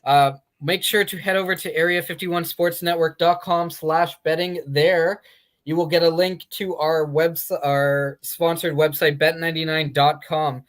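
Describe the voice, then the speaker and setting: A man's voice: a little high, flat delivery, measured pace, fairly bright tone. A man hosting a sports betting podcast, chatting casually with many fillers and restarts. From Canada. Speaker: sports betting show host.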